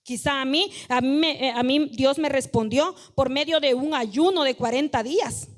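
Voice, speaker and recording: A woman pastor from Guatemala, preaching a sermon and retelling Bible stories in a lively storytelling way. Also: high voice, moderate pace.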